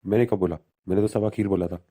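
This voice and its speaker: A man doing a deep, muddled dimwit guest. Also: fairly even intonation, fast talker, dark tone. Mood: confused. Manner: confused, muddled replies. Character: slow-witted man guest who mishears words.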